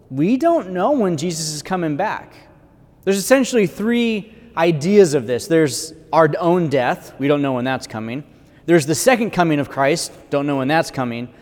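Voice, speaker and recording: A clergyman reading the gospel and preaching a conversational homily in a church with a cathedral-like echo. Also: a little high. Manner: conversational preaching with fillers, bursts of loudness. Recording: long church reverb.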